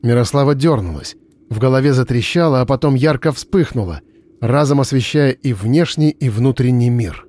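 A man reading an audiobook narration in a steady, even storytelling voice. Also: medium pitch, normal speed. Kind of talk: scripted narration.

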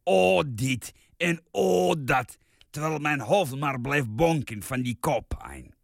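A man playing a sick, grumpy, self-pitying man in a comic radio sketch, slow and sulky between coughs. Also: on the high side, lively intonation, creaky, no room sound, studio quality, full character voice. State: coughing, worn out with flu.

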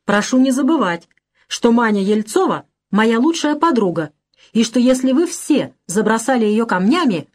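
A woman reading an audiobook, voicing an agitated young woman who defends her friend in shrill, tearful outbursts. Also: lively intonation, moderate pace, darkish tone. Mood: indignant.

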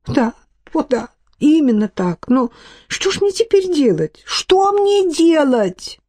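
A fussy, emotional middle-aged lady, as a female audiobook reader puts her on, plaintive and self-pitying. Her voice leaps widely up and down and stays soft and mellow. It is a storybook reading. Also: high voice, big pitch swings, slow, voice pushed up, exaggerated voice. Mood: anxious, pleading.

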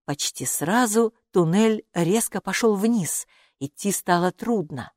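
A woman narrating a children's audiobook in an expressive, even-paced reading. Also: mid-range voice, slow pace, no room sound, clean studio sound. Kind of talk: storybook narration.

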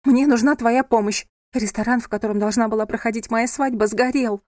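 A woman's voice: fairly high pitch, fairly even intonation, fairly quick, darkish tone, no room sound, studio quality, voice pushed up, close to an everyday voice. A woman doing a hysterical young bride. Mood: panicked. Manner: hysterical, wailing. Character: panicky young bride, shrill and dramatic.

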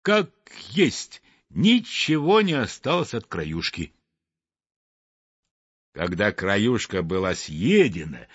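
Slow expressive male storyteller. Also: mid-range voice, breathy edge, no room sound. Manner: slow, expressive, wide-ranging. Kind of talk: scripted narration of a fairy tale. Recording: dull dry lo-fi recording.

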